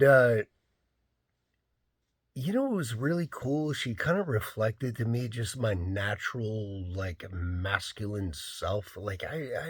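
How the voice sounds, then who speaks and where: A man's voice: mid-range voice, husky, dry recording, clean studio sound. A man, a rideshare driver, casually telling a story in a rambling way, full of "like" and "you know".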